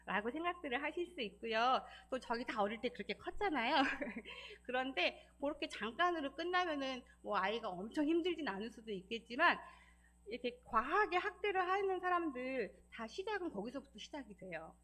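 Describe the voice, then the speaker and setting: A woman's voice: high-pitched, expressive, a little fast, fairly bright tone. A woman giving a church seminar lecture, explaining step by step, asking the audience questions and acting out parents scolding. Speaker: church lecturer on child abuse.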